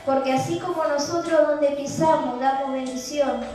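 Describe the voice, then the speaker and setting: A woman with a Rioplatense Argentine Spanish accent preaches earnestly to a youth group in a church hall. Her high voice is warm, fairly even in intonation, and at normal speed as she reads scripture aloud, explains it, and poses rhetorical questions. The recording sounds echoey and distant, with music playing behind her.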